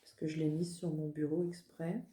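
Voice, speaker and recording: A chatty woman works through a card reading in a mellow, warm voice, pitched a little low. She mocks herself as she talks, and her voice rings with the echo of the room. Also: level tone, moderate pace. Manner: chatty, self-mocking, laughs at herself. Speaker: medium giving a card reading. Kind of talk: casual spoken card reading. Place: indoors at her desk. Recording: roomy echo.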